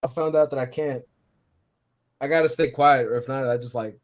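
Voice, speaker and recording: A man's voice: medium pitch, steady tone, fairly quick. A man on a casual podcast telling a long story. He swears constantly, laughs at his own tale and acts out both sides of the conversation. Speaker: podcast co-host. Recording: dull lo-fi podcast audio.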